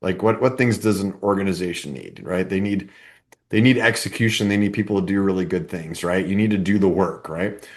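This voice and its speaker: Male podcast co-host, low voice, casual explainer who acts out anecdotes. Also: fairly quick. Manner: storytelling, lots of "right?" and "kinda", acts out coworkers.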